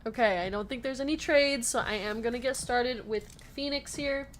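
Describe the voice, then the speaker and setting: A woman hosting a live sports card break, chatty and upbeat, reading out names and teams in quick lists and answering viewer comments. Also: fairly high pitch, slight background noise. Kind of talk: casual live-stream chat while opening card packs.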